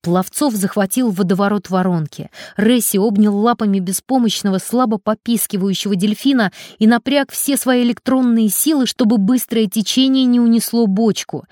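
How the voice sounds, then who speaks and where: A woman reading a children's adventure story aloud in an even, clear storytelling manner. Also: medium pitch, no room sound, studio quality. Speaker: audiobook narrator.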